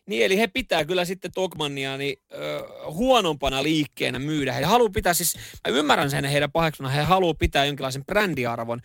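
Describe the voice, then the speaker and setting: A man's voice: fairly high pitch, gravelly, hardly any pauses, no echo, clean studio sound. A man hosting a radio morning show, telling stories in casual chat with lots of fillers and restarts. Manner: animated storytelling, acts out shouts in the story.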